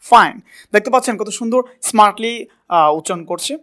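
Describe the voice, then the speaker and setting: A man's voice: high voice, fast, fairly bright tone. A man teaching a spoken English class, asking a student to repeat words and correcting how they are said. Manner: coaching pronunciation, asks and repeats words.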